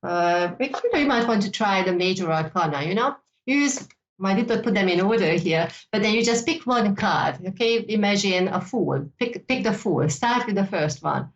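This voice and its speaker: Her medium-pitched voice is animated and moves at normal speed. She's a psychic show host and native Hungarian speaker with a Hungarian accent, teaching casually and rambling, often repeating words and adding "you know," over dull lo-fi audio.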